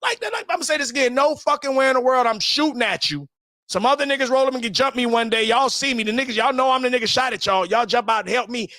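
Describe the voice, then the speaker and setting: A man's voice: very high voice, fast talker, pushed and bright, no room sound, studio quality. A man hosting his own channel, ranting heatedly with lots of profanity, repeating himself and stumbling over restarts. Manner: profane, repetitive, stammering restarts. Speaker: channel host. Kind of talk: heated livestream rant.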